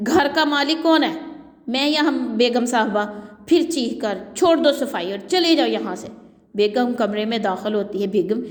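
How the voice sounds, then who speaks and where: Lady teacher reading a play to the class, does the voices, kinda high voice, big echoey room w long reverb. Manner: acts out each character's lines while reading. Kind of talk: reading a play aloud in class, explaining scenes.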